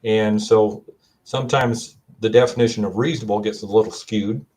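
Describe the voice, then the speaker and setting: Give me a man with a Kentucky accent explaining things calmly on a video call. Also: fairly low pitch. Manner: measured, storytelling, quotes advice he gives. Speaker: guest. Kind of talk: casual panel discussion.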